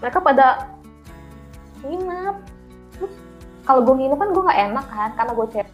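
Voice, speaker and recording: A woman's voice: high voice, animated, normal speed, lo-fi sound, faint music behind. A young woman, casually telling her story in slangy talk and laughing often as an interview guest.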